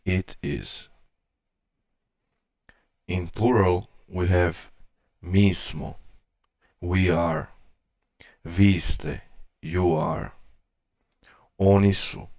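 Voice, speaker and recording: A young man teaching a language lesson, speaking in a measured way and pausing between word pairs. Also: deep voice, gravelly, dry recording. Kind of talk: slow explanatory lesson.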